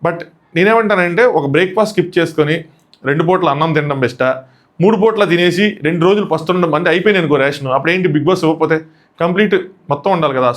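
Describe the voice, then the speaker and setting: A man giving a casual, opinionated recap of a reality show, dropping his voice low when he quotes people. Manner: retells quotes in a lowered voice; rapid, chatty, opinionated. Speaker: show commentator.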